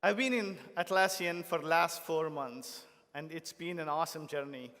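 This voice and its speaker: A man's voice: fairly high pitch, moderate pace, fairly bright tone. A man giving a keynote podium speech, addressing an audience in short, emphatic, separated phrases. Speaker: company technology chief giving a keynote. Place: large conference hall stage. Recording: long hall reverb from stage PA.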